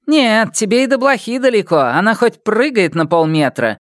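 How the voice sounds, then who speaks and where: A reader voicing a sharp-tongued, spiteful woman boss who heaps abuse on her relatives, in an audiobook. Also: mid-range voice, animated, normal speed, dry recording, clean studio sound, pitched above the performer's own voice, natural voice. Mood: screaming fury. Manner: scornful, abusive tirades. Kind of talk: audiobook character voice.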